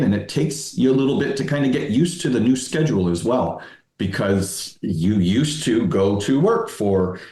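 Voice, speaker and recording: Man, low voice, roomy echo, halting casual interview talk. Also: a little mellow. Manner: halting, many fillers and restarts. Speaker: guest, dads' coach.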